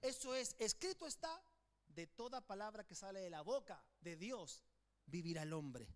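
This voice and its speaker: High-voiced emphatic preaching pastor. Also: male voice, very animated. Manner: emphatic preaching with call-and-response to the congregation; swings between loud declarations and quiet, slowed phrases. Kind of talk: sermon. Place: church sanctuary with congregation.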